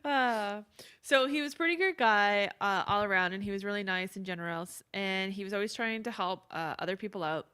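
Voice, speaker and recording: A woman co-hosting a true-crime podcast, talking loosely with plenty of "um" and "uh". Her voice sits in an ordinary middle pitch. She slips into short quoted lines as she tells the story. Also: brisk, sharp tone, smooth. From not from England. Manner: conversational, many fillers and quoted asides. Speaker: podcast co-host. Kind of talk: casual true-crime chat.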